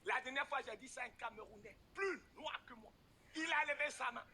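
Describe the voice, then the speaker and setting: A male stand-up comic with an accent in his French works a theatre crowd, his voice riding unusually high. He talks in punchy, teasing bursts and speaks straight to the room. Audience noise is clearly heard throughout the live recording. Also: fairly quick, bright, forceful tone. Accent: non-native French accent. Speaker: stand-up comedian. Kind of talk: stand-up comedy routine. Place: theatre stage.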